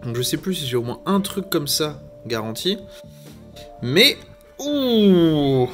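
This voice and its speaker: Cracking open Pokémon card packs, a YouTuber talks to camera in a jokey, chatty way, poking fun at himself and drifting into rambling asides. His voice sits on the high side, a little slow with lively intonation and a sharp tone, and soft music plays underneath.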